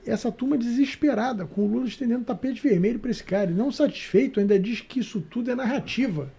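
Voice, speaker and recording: Brazilian male panelist, raspy and gravelly, sarcastic debate delivery. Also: very high-pitched, fast, mellow. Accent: Brazilian Portuguese. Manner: sarcastic, mocking voices of others. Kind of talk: political debate talk.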